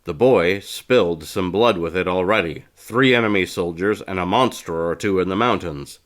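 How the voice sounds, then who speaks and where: A man's voice: low-pitched, moderate pace, fairly bright tone. A man reading an audiobook as a terse male captain, curt and matter-of-fact.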